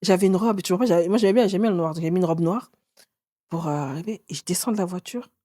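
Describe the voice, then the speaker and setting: A woman in her forties, an author and interview guest, telling her own story in a lively way and acting out what others said. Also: fast talker, no room sound, studio quality. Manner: animated, acts out others' words with sudden pitch jumps.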